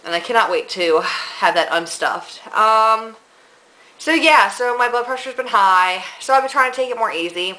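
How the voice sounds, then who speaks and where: A woman's voice: fairly high pitch, lively intonation, moderate pace, sharp tone, poor audio. A young pregnant woman chatting casually in a vlog, with a stuffy nose and short of breath, rambling with many ums and likes. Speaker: vlogger.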